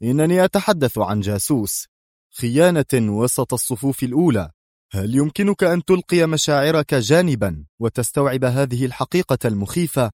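A man's voice: fairly low pitch, a little fast, darkish tone, dry recording, studio quality, natural voice. A man voicing a stern, commanding male defense secretary who speaks curtly and severely in an audiobook thriller. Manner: curt and severe.

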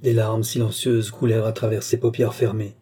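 Un homme qui lit un roman classique à voix haute, avec une diction littéraire nette. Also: male voice, on the low side, little pitch movement, a little fast, warm tone, a little hiss or hum. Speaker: audiobook reader. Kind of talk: audiobook narration.

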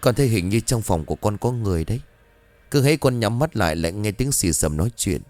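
A man's voice: lowish voice, animated, fast talker, a little mellow, faint music behind, lightly acted. A man voicing a sick, scared little boy who pleads in a sleepy, plaintive way. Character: sick, frightened young boy.

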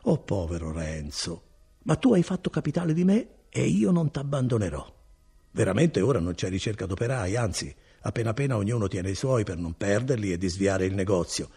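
A man's voice: brisk, slightly rough, heavily acted. Bortolo, a man voicing a chatty good-hearted cousin. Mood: welcoming. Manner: chatty and animated, swinging between high and low. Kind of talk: audiobook character reading.

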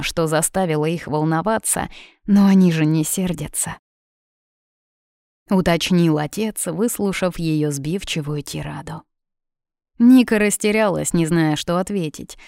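A woman narrates a story with a steady, even delivery. Her voice sits low, and the recording is dry and close. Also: no echo. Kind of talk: audiobook narration.

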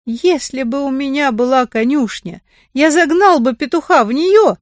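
A woman's voice: high voice, expressive, moderate pace, dry recording, pitched above the performer's own voice. A sulky, self-pitying carpenter, as a woman reading the story acts him out, whining and wheedling by turns. His voice sits somewhat above the reader's own and swings widely. It is recorded dry and close in a storybook reading.

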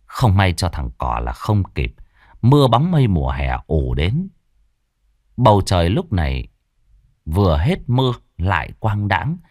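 A man narrating a ghost story in a dramatic, expressive way. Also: sits low, a little slow, no echo, clean studio sound.

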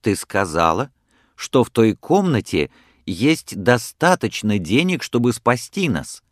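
A man's voice: medium pitch, very animated, slow pace, dry recording, studio quality. A man reading aloud voices a defiant nineteen-year-old son who argues insistently with his mother. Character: bold young man of nineteen, defiant and stubborn.

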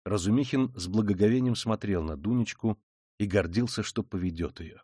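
A man narrating a classic novel in an even, measured, quiet way. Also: on the low side, breathy edge, no room sound, studio quality. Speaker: audiobook narrator.

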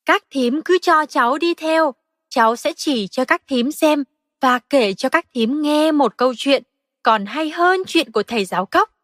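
Woman voicing a high, boastful young frog boy for a storybook. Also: expressive, unhurried, a bit bright, no echo, studio quality. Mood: eager. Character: naughty young male frog who skips school.

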